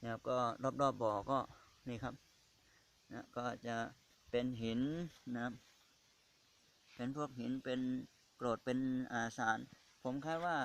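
A man's voice: medium pitch, steady tone, gravelly, a bit bright. A man who is a Buddhist monk, talking casually on site beside a pond and stopping often to find his words. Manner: halting, searching for words, polite particles after nearly every phrase. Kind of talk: casual on-site video commentary. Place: outdoors beside a pond or pit.

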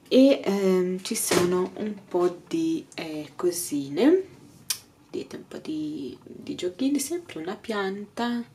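A woman in her thirties giving a casual, chatty tour of her daughter's bedroom, filling pauses with hesitations. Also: on the low side, darkish tone, slight background noise. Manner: chatty, hesitant with many fillers. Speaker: home cleaning vlogger. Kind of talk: casual room tour narration. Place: child's bedroom at home.

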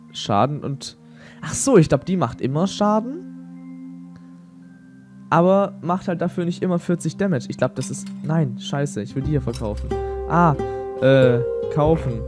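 Lively young man rambling over a game. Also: medium pitch. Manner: slangy, rambling, thinking aloud. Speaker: let's player. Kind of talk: casual gameplay commentary. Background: game music.

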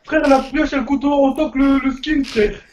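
A man's voice: very high-pitched, little pitch movement, moderate pace, a crowd in the background. A young man chatting casually and bluntly in slang while gaming. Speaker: gamer. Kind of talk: casual chat over a video game.

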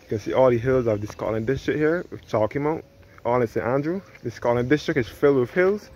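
Holding his phone camera himself, a man narrates a casual walking tour of a clifftop churchyard in a brisk, slightly mellow, medium-pitched voice. He frequently restates his phrases, and the outdoor sound is dull, lo-fi, and noisy.

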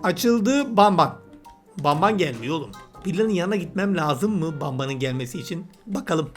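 A man's voice: a little high, expressive, moderate pace, faint music behind. A man giving casual let's-play commentary, chatty and teasing, talking to the game's characters as he plays. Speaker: gameplay commentator.

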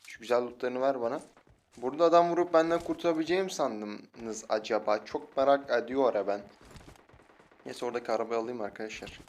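A young man with a Turkish accent giving casual, excitable gameplay commentary and taunting opponents as he plays. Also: medium pitch, fast. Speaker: mobile game streamer. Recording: noisy with loud gunfire behind.

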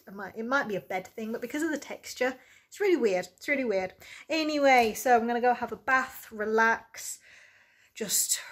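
A woman's voice: medium pitch, a bit bright. Young woman vlogger, rambling and chatty with plenty of fillers, talking to a close camera from her hotel bed. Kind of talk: casual vlog chat to camera. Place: small hotel room, indoors, sitting on a bed. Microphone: camera close in front of her.

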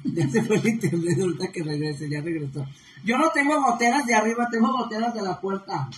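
A woman's voice: mid-range voice, a little fast. A woman hosting a casual livestream, reading viewer comments and chatting with a laugh in her voice. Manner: chatty, laughing often, gossipy. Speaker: livestream host. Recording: echoey room with faint noise.

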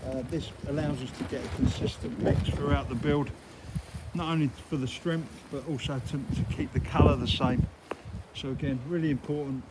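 A middle-aged man, a construction site manager, giving a practical guided walk-through of a building site, recorded on a handheld phone camera outdoors. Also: on the high side. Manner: practical, explanatory, often says "obviously". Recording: loud outdoor site noise. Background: outdoor noise and vehicles.

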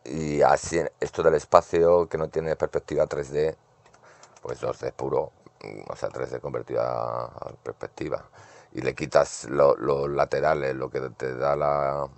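Male streamer, very low gravelly voice, mutters to himself through retro arcade play. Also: little pitch movement, a little slow, dry recording. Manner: muttering, talks to himself while playing. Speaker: gaming streamer. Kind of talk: casual gameplay commentary.

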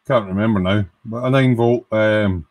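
The speaker is a man with a fairly low voice at an ordinary pace. Sitting at the bench in his home workshop, he assembles an electronics kit live in a laid-back way, counting parts while thinking aloud.

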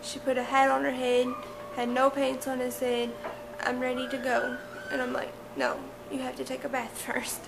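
A young woman with a high voice chats casually for a family vlog. She talks through a toothache and swollen cheek, with creak in her voice, and loud noise surrounds her on the handheld camera. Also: moderate pace. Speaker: family vlogger, mother. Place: indoors at home by a window.

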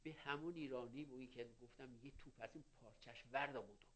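A man's voice: mid-range voice, a bit bright, a little hiss or hum. An older male cleric giving a sermon, reading Arabic phrases and explaining them in plain words, with anecdotes. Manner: explains Arabic quotes in Persian, tells anecdotes. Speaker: cleric preacher. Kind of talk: religious sermon.

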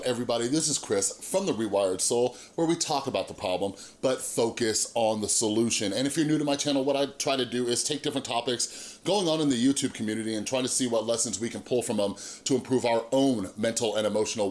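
A man's voice: medium pitch, fairly quick. A man in his thirties hosting a YouTube channel, giving casual, earnest opinion commentary and often checking that listeners agree. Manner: earnest, emphatic, seeks agreement with frequent rhetorical tags. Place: small indoor room with monitors.

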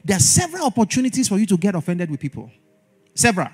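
High, lively preaching man. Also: racing, slightly rough. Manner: animated preaching, repeats exhortations, acts out little dialogues. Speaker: pastor. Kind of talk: sermon. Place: church service.

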